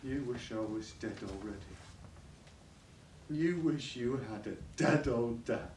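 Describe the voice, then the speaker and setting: Recorded from far away by a room microphone on an echoey stage with slight hiss or hum, a man acts as a bitter, drunk old father in a college play, stammering and ranting as he begs. His natural, darkish voice is medium-pitched and unhurried.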